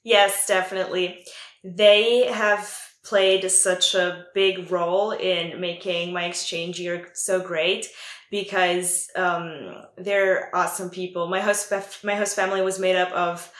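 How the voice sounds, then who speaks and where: Lowish, a bit bright, flat, and slow, this young woman's voice echoes in the room. She's a young adult guest from Italy, a former exchange student, with an Italian accent tinged American, answering interview questions in a chatty way packed with fillers such as "um" and "like".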